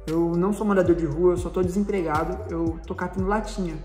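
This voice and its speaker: A man's voice: high-pitched, steady tone, fast, mellow. A man with a Brazilian accent giving a personal faith testimony in a casual, slangy storytelling way, acting out the dialogue. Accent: Brazilian Portuguese. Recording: roomy echo with long reverb, faint background music.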